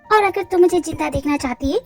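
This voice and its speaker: A woman's voice: very high voice, quick pace, soft background music. A woman voicing a strict middle-aged mother who is ill and scolds her daughter. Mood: scolding. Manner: scolding, insistent.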